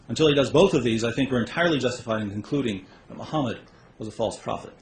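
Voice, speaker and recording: A man giving a measured, methodical closing statement in a debate, laying out his points one by one. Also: mid-range voice. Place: debate hall. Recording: echoey hall, faint background noise.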